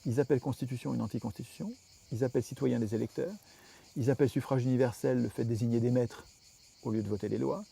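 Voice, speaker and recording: A man's voice: medium pitch, vocal fry, warm tone, husky. A French man, interviewed, explaining his political views at length with emphatic reasoning and frequent restarts.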